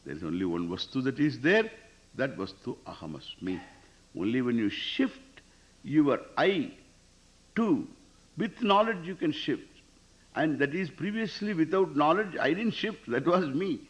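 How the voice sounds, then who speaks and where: Male spiritual teacher, Indian accent, very lively intonation, emphatic repetition, rhetorical questions, Sanskrit terms. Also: on the high side, unhurried, lo-fi sound. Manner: emphatic, repeats phrases and poses questions to listeners. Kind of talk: Vedanta scripture discourse with Sanskrit recitation.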